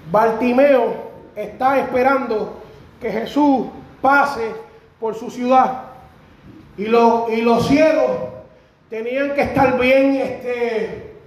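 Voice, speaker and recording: A man preaching a sermon in a church, fervent and breaking into shouts on key phrases. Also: very high-pitched, a little hiss or hum. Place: church sanctuary. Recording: very echoey church hall.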